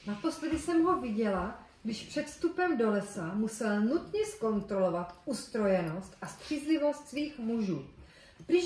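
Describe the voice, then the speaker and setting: Woman acting a high-voiced, spirited puppet-theatre princess. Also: darkish tone. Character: spirited young princess, sharp-tongued and teasing. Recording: echoey room, faint noise.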